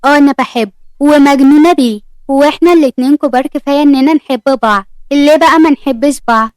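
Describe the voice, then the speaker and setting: A woman's voice: high-pitched, fast, dry recording, lightly acted. A woman voicing a sassy young woman in love who teases with an Egyptian accent. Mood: teasing.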